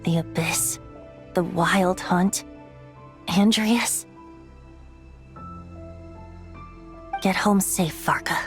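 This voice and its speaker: A woman's voice: fairly low pitch, fairly even intonation, slow, soft background music. A woman voicing a playful, airy and theatrical androgynous young male bard in a video game. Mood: quiet, solemn.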